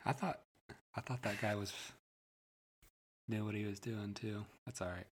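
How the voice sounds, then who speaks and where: Easygoing young dad, lowish voice. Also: male voice, steady tone, moderate pace, husky. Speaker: guest, new father. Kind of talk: casual chat.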